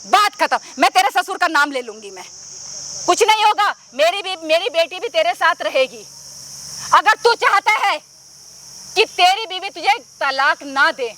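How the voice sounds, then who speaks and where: Woman doing a domineering mother-in-law, very high, bright, insistent, amateur skit acting. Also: lively intonation, a little slow, slight background noise, full character voice. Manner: pushy, taunting, insistent. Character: scheming middle-aged mother-in-law, brazen and domineering.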